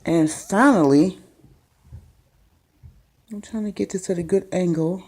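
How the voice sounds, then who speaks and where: A gardening vlogger gives a casual, rambling phone-filmed tour of her small makeshift indoor greenhouse, dropping plenty of ums. Her voice sits fairly low, moves a little slowly, and has a slightly mellow quality.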